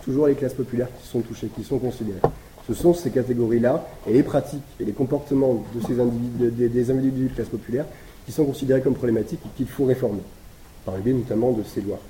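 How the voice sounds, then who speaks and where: Male lecturer, mid-pitched, explains at length with frequent pauses, echoey room, steady background noise. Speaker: lecturer presenting historical research. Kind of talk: academic talk.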